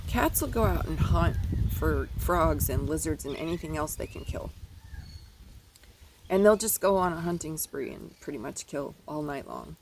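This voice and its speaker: A man's voice: a little high, expressive, moderate pace, vocal fry, low-quality recording. A man hosting a podcast in a rambling opinion monologue, hesitant and blunt, recorded outdoors in the wind. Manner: hesitant, many fillers and restarts, blunt opinions. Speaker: podcast host.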